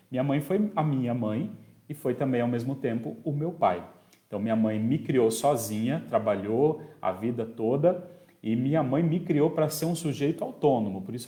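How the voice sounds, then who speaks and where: A man's voice: medium pitch, mellow. A male special education teacher giving an online parenting course, talking conversationally, reading out viewer comments and answering them, with frequent tag questions. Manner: checks in often with tag questions. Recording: echoey room.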